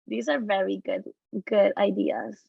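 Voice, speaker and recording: Gravelly-voiced woman educator, encouraging. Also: mid-range voice, no room sound. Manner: encouraging, halting with restarts. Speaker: educator, presenter. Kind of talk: online session talk. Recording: dry, muffled lo-fi audio.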